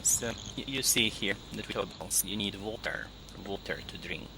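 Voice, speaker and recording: A man with a fairly low voice coaches a student over a video call, slow and patient, repeating each corrected word. clear hiss and noise sit under his voice. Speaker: English tutor. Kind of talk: online speaking lesson.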